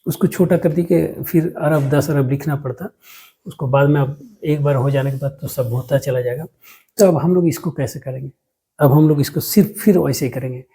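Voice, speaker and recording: A maths teacher talks through a lesson in a gravelly, mellow voice. The teacher keeps asking a question and then answering it, and often repeats the same word. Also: mid-range voice, steady tone, moderate pace, poor audio. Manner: mixes English words into the explanation. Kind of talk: classroom lesson explanation.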